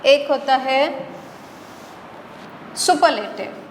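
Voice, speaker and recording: Slow high-voiced Indian woman teacher. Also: animated, a little hiss or hum. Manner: explains slowly and repeats words, with rhetorical questions. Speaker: English teacher. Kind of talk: classroom grammar lesson in Hindi and English. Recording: echoey hall, mic at a distance.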